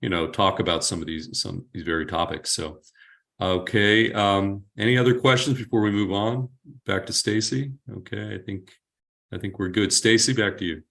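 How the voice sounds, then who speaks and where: A man chairs the hearing in a casual, brisk way and hands the floor back to the presenter. His voice sits low, and he sounds a bit distant from the mic. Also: fairly bright tone. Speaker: committee chair.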